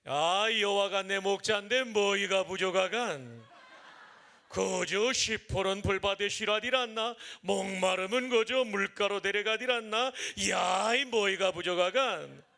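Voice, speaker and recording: A man recites a psalm in a put-on Pyongan dialect as a blunt countryman, asking emphatic questions in a slow way. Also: sits high, vocal fry, bright, forceful tone, full character voice.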